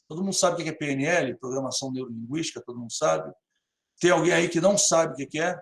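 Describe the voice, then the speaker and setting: A man's voice: a little high, fast, vocal fry, reverberant. A middle-aged Brazilian man teaching an online class, talking casually, acting out little dialogues and asking his students questions. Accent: Brazilian Portuguese. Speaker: university lecturer.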